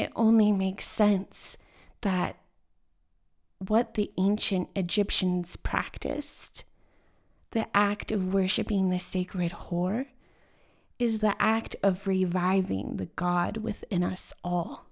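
A young woman speaks slowly and earnestly in a confessional spiritual monologue. Her voice is dark and mellow with a gravelly fry running through it. She unhurriedly draws the listener into her own story. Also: medium pitch. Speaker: podcast host.

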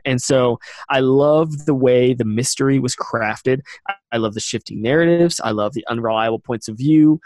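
A man co-hosting a movie podcast, talking with enthusiasm in halting bursts full of restarts. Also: mid-range voice, darkish tone, no room sound. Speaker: podcast co-host. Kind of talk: casual movie review chat.

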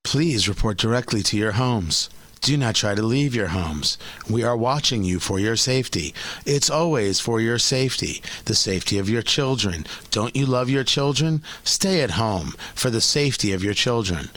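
A man doing a disguised deep voice as a creepy government announcer. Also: animated, a bit bright, no echo, close to an everyday voice. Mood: menacing. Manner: disguised deep voice, slow and menacing. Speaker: commentary show host. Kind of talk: mocking impression in a political commentary rant.

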